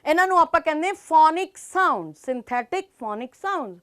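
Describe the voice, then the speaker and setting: A woman's voice: high-pitched, animated, a bit bright. A woman with a Punjabi accent teaching children English phonics, explaining sounds and singing short rhymes with them. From Punjab, India. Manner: addresses children directly, sings short rhymes, drawn-out sounds.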